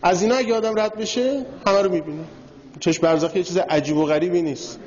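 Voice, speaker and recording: A man's voice: sits high, steady tone, a little mellow. A man giving a religious lecture, telling a story and speaking directly to his audience. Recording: dull lo-fi recording in a reverberant hall.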